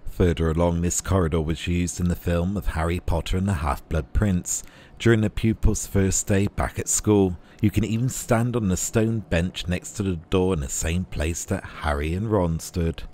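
A low-voiced man delivers scripted tour narration as a guide. His manner is measured and informative, and clear background ambient noise sits behind his words. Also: a little mellow.

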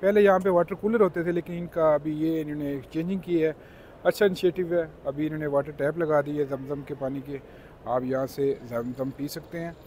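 A man's voice: a little high, steady tone, a little fast, a little mellow, slight background noise. A man in his thirties giving a polite, explanatory guided tour to his viewers in a casual vlog. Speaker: travel vlogger. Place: car, outdoor plaza, then mosque interior.

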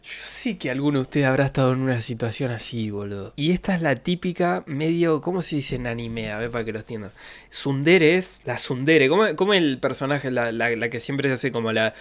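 A young man with an Argentine accent comments on a reality show in casual, excitable reaction talk. His voice sits at an ordinary middle pitch. He is crude and quick to mimic other people, breaking into high squeals. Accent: Argentine Spanish.

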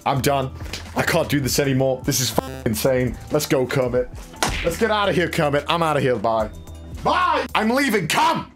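Overwrought quitter, badly dubbed, as a man puts him on; lively, swooping delivery. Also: medium pitch, moderate pace, soft background music, voice pushed up. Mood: fed up. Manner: overwrought, hammy.

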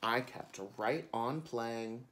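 A drag queen, a man with a mid-range, slightly bright voice, reads a children's picture book aloud slowly and expressively, adding chatty asides. He's indoors, set before a curtain.

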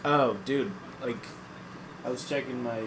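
A man's voice: medium pitch, steady tone, measured pace, noisy background. A young man chatting casually on a let's play, joking around with his co-host. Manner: joking, puts on silly voices. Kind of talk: casual gaming chat.

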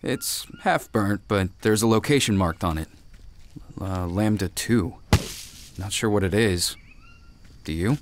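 A man's voice: fairly low pitch, lively intonation, unhurried, long pauses, noisy background. An actor voicing a confused man stranded in the jungle in a video game, talking urgently with someone over a radio. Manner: shaken, urgent, searching.

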